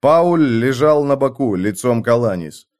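A man narrating a violent fantasy audiobook with intense, theatrical delivery, mid-pitched. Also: lively intonation, normal speed, darkish tone.

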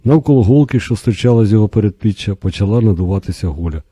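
A man reads a novel aloud at a steady, measured pace. His voice sits somewhat low and sounds very dark and mellow. The recording is dry and close, with no room around it. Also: husky, dry recording. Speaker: narrator. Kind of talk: audiobook narration.

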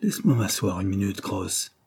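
Male reader as a curt drunken workman, dark and husky. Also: low-pitched, normal speed. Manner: curt, quarrelsome. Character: gruff, drunken out-of-work laborer.

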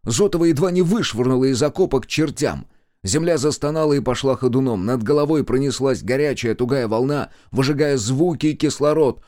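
A man reading a war novel aloud in an expressive, dramatic style. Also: mid-range voice, fairly quick, no echo, studio quality. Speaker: audiobook narrator. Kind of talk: dramatic audiobook narration.

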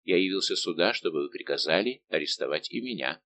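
A man reading an audiobook, voicing a middle-aged musketeer captain who answers calmly, respectfully and without yielding. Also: sits low, fairly quick, slight background noise, pitched below the performer's own voice. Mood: calm defiant. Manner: calm, steady, respectful but unbending.

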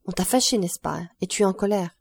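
A woman's voice: medium pitch, fairly quick, creaky, a little mellow, no echo, studio quality. A woman reading an audiobook, voicing an earnest young woman who speaks anxiously and affectionately to her grandfather. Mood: pleading.

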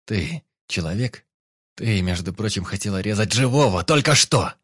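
A man voicing a brash, cornered male fugitive who talks roughly and mockingly. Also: on the low side, normal speed, close to an everyday voice. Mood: rough angry.

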